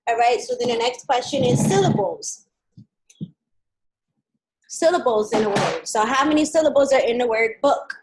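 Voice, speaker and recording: A woman teaching a live online kindergarten lesson, patient and clear, speaking slowly to young children over a video call. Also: a little high, lively intonation, background noise.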